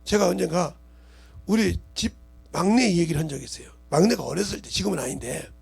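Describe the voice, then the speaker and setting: A middle-aged man, a pastor, preaching a sermon that swings between loud shouting and quiet murmuring and often asks the congregation questions. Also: sits high, lively intonation, a little fast, creaky, breathy edge, faint music behind.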